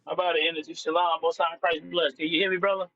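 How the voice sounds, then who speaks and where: A man with a high, bright voice comes through a video call with a weak signal. He talks casually and haltingly, restarting often and filling gaps with "um". The call audio is dull and lo-fi. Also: level tone, dry recording. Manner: halting, with many fillers and restarts. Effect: on a video call with a bad signal. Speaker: caller on a live discussion. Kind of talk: casual chat.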